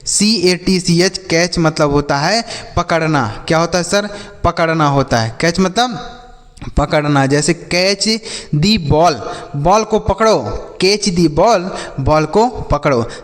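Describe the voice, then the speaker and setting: A man teaching English vocabulary to children, spelling each word slowly and repeating it, asking and answering his own questions. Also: a little high. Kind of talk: spoken vocabulary lesson for children. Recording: long hall reverb.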